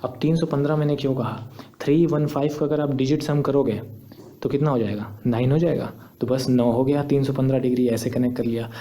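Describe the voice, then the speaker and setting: A man's voice: mid-range voice, steady tone, a little fast, dark tone. A young man, patiently explaining step by step in a screen tutorial. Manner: patient, step-by-step, repeats points. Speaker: teacher.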